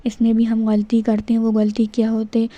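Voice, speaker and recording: A woman giving a religious lesson, drawing out each recited word slowly to show the right pronunciation. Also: on the high side, monotone, warm tone. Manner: slow, deliberate drawn-out demonstrations of recited words. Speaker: religious teacher. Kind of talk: instructional talk on prayer pronunciation.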